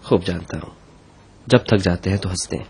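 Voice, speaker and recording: A man's voice: deep voice, vocal fry, darkish tone, slightly rough, heavily acted. An actor dubbing a knowing grown man in a film drama, making dry remarks.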